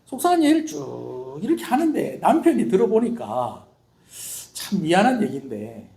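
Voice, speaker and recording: A middle-aged man preaching a sermon as a pastor, lively, swinging between loud bursts and hushed asides. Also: sits high, moderate pace, vocal fry. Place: church. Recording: echoey church hall.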